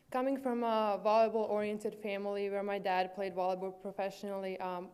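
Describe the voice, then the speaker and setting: A woman in her twenties from Serbia, with a Serbian accent, giving an earnest prepared speech at a banquet as a student athlete, speaking with a swollen lip and pausing on fillers. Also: medium pitch, darkish tone, smooth. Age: 20s.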